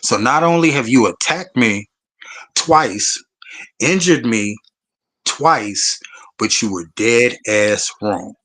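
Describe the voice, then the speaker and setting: A man's voice: medium pitch, slow pace, a bit bright. A man tells his own story to a panel. He talks emphatically and bluntly, with a lot of swearing, like a conversation between friends.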